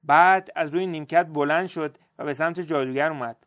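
Male audiobook storyteller, slightly high. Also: a bit bright, dry recording. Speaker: narrator. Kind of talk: first-person audiobook narration.

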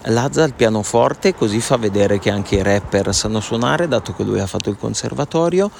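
A man with a lowish, gravelly voice chats casually as a podcast co-host, pausing on fillers now and then. His audio is poor quality, recorded out on the street. A faint hum of outdoor noise sits behind him. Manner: relaxed, a little rambling, with hesitant fillers. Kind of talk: casual chat.

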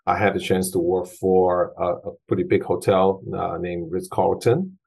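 A man's voice: low voice, flat delivery, normal speed, creaky, darkish tone, husky. A man in his forties, originally from Taiwan, talking as a guest chef in a casual interview, with frequent fillers and restarts. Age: 40s. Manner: hesitant, many fillers and restarts.

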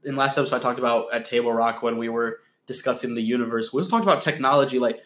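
A man's voice: mid-range voice, quick pace, fairly bright tone. A man of twenty, co-hosting a podcast in a casual comedic chat, rambling and laughing often. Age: 20s. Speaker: podcast co-host.

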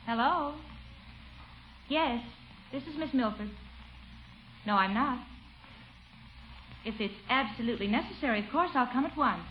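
A woman's voice: a little high, animated, measured pace, pauses often, slight background noise. A woman playing a polite, apologetic young nurse taking a call in a 1940s radio comedy. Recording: dull old radio broadcast.

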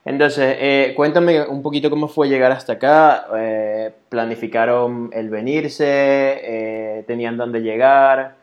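A man hosting a casual interview podcast, relaxed and friendly, with frequent "eh" and "ok". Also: mid-range voice, measured pace, few pauses, lo-fi sound. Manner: relaxed, friendly, uses filler "eh" and "ok". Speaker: podcast host. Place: Barcelona.

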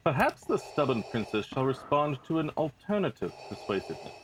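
A haughty, scheming imperial governor in a homemade Shakespearean reading. His delivery swings widely in pitch as he lays out sly commands in old verse. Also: sing-song, a little fast, a little hiss or hum. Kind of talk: amateur Shakespearean table read.

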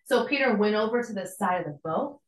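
A woman's voice: medium pitch, animated, brisk. Earnest woman in an echoey room. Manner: conversational, earnest, uses casual asides. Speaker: podcast host and church planter. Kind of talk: devotional teaching talk.

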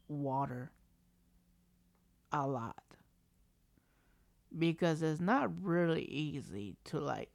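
At home, with construction noise nearby, a vlogger in his thirties whose voice is on the high side shares a personal story for his video series, with no echo. His delivery is rambling and frank, full of "trust me" and "like," with occasional mild cursing.

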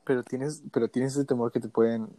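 A young man with a Mexican Spanish accent muses in an easygoing way on a casual podcast. His voice is mellow and relaxed, at an ordinary pitch for a man. The sound is close and dry. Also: a little fast, dry recording. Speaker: podcast co-host.

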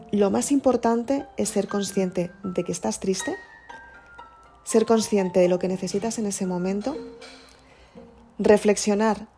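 A woman hosting a self-help podcast, talking calmly and directly to her listener in an encouraging way. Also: mid-range voice. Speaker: podcast host.

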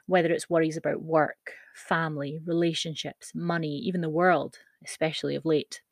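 A woman's voice: sits low, no room sound, clean studio sound. A woman in her thirties with a Scottish accent, hosting a podcast and reading her own personal essay in a wry, playful way. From Scottish Highlands. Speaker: podcast host.

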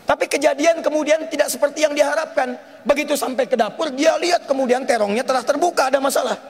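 A high-voiced male preacher tells a story in his sermon, animated and quick to turn questions on his listeners. His voice carries a long hall reverb. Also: vocal fry. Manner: animated, addresses audience with questions.

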